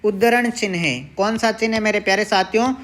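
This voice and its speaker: A woman's voice: mid-range voice, fairly quick. A woman teaching an online exam-prep lesson, explaining step by step and repeating questions back to her students.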